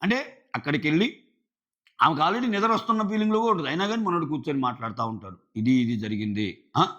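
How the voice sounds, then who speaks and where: A man, talking in a slightly high voice, reviews a show in loose casual commentary. He keeps slipping into quoted lines from the people he discusses. The sound is dull and lo-fi. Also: fast talker. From India. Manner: animated, acts out quotes of others.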